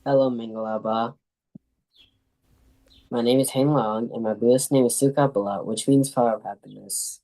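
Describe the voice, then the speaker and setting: A man's voice: mid-range voice, steady tone, normal speed, pauses often, dark tone, low-quality recording. A young man reading a prepared talk as a student presenter in a class.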